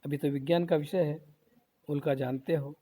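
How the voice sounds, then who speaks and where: A man's voice: a little high, fairly even intonation, normal speed, dark tone. A male professor giving a lecture, reading lines of a poem and then explaining them in plain words, often repeating himself and asking rhetorical questions.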